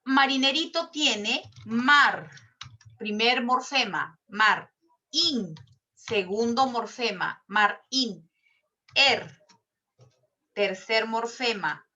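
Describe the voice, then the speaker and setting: A woman teaching an online class, unhurried and drawn out, stopping often to ask if her students follow. Her voice is bright and sits a little high. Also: animated. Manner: patient, explains step by step with checking questions; slow and drawn out. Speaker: language teacher.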